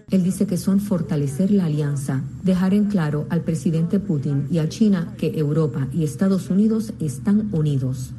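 A woman's voice: low voice, mellow, slight background noise. A woman reading a scripted radio news report as a correspondent.

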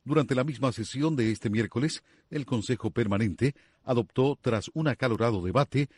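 A man's voice: medium pitch, darkish tone, slightly rough. A man reading a scripted news report as a radio correspondent.

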